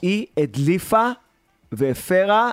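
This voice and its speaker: A man's voice: high-pitched, sing-song, no room sound, faint music behind. A man co-hosting a radio show, teasing and joking in casual banter. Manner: teasing, playful. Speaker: radio co-host.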